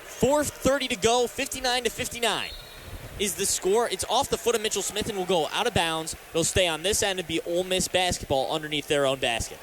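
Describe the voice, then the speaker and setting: Calling basketball live from courtside in an arena, this American radio announcer and sports talk host speaks in a high, slightly bright voice at a fairly quick clip. Faint background noise runs under the broadcast.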